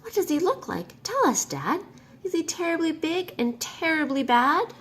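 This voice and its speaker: Woman voicing a high, eager little monster child. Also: big pitch swings, normal speed. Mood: eager, curious. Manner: eager, questioning, exclaiming. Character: young female gruffalo child, curious, brave monster youngster. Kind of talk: storybook read-aloud character voice.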